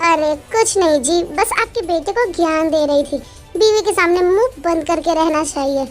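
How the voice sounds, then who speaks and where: A woman's voice: very high voice, normal speed, faint music behind. A woman voicing a bossy middle-aged mother who lectures her son in a fan-dubbed drama. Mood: scolding. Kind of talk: Hindi fan dub acting.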